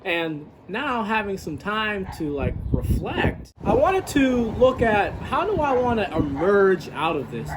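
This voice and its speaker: A man's voice: high-pitched, heavy background noise. A man who works as a coach, thinking aloud in a casual, reflective, rambling vlog monologue outdoors. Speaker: fitness coach and gym owner vlogger.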